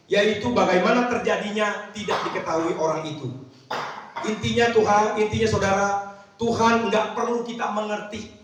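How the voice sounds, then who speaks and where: A man preaching a sermon as pastor, in casual, slangy speech with call-and-response to the congregation. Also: sits high. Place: church hall. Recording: very echoey church hall, mic at a distance.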